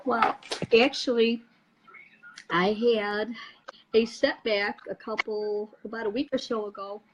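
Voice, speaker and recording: A middle-aged woman telling her story in a casual chat over a video call, lively and often laughing. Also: mid-range voice, unhurried, slight background noise, low-quality recording. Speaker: guest sharing her story.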